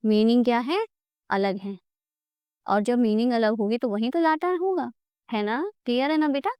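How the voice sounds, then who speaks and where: A woman's voice: fairly high pitch, moderate pace, a little mellow, clear, resonant tone, no room sound. A woman teaching an exam-prep grammar lesson on a close mic, coaxing her students and asking herself questions before answering them. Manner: addresses students as "beta".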